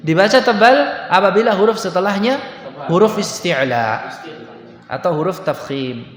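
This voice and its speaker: A man's voice: sits high, moderate pace. A man teaching Quran recitation to students, explaining patiently and chanting examples aloud. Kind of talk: religious lesson to students. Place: large room in a school. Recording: echoey hall, faint background noise.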